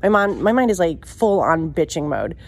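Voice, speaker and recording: A young woman telling a personal story in a casual, animated and profane way, mocking herself as she goes. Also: on the low side, normal speed.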